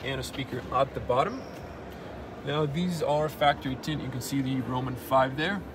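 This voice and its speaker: A man reviewing a car as he walks around it, speaking in a middle-pitched voice and plainly pointing out features one by one. He is recorded on a handheld camera in an indoor show hall, with plenty of background noise from the show floor. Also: normal speed. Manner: plain, matter-of-fact pointing out of details. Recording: noisy auto show floor.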